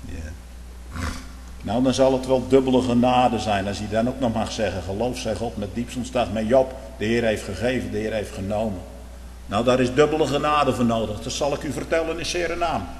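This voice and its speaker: An impassioned man delivers a church sermon with a rhythmic cadence, firing off rhetorical questions and swinging between loud outbursts and low murmurs. He speaks at normal speed, and his voice rings through a large, echoey hall with long reverb and a faint hum underneath.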